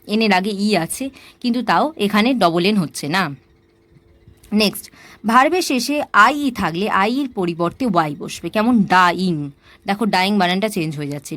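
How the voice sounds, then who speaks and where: A patient woman with a Bengali accent teaching English grammar, spelling words out letter by letter and drawing out the English examples slowly. Her voice is recorded close and dry, with no room sound around it. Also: mid-range voice, no echo. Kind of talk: explaining a lesson.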